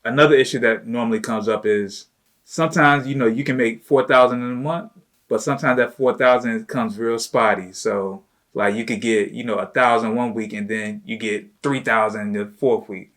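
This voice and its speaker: A man's voice: mid-range voice, fairly even intonation, moderate pace, fairly bright tone. A man hosting a casual chat with his wife, talking loosely and informally with plenty of "you know" and "like" fillers. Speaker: host, entrepreneur.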